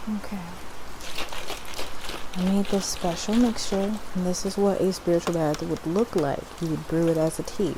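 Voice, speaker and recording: In an ASMR personal-attention roleplay, a woman plays a spiritual cleansing guide, speaking soothingly and instructively and often checking in with the listener. Her voice is fairly low, and the background is noisy.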